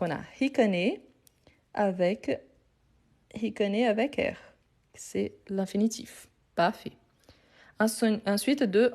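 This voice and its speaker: A woman's voice: mid-range voice, a little mellow. A woman teaching French in a live online grammar lesson, recorded on her phone, patiently repeating answers and praising students.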